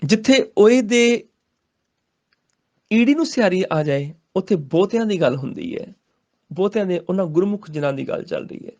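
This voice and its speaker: Punjabi man reciting verses slowly. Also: high voice, very animated, a little mellow. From Punjab, India. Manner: slow, drawn-out chanting of verses, then brisk explanations. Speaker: Sikh scripture pronunciation teacher. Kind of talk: recitation with spoken pronunciation lessons.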